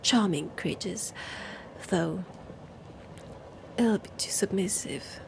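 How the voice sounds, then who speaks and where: In this audio roleplay, a woman gives voice to a sly vampire woman, centuries old and French-accented, who speaks in a languid, teasing drawl that sounds husky, whispery and sick. Her pitch is medium and the background is noisy.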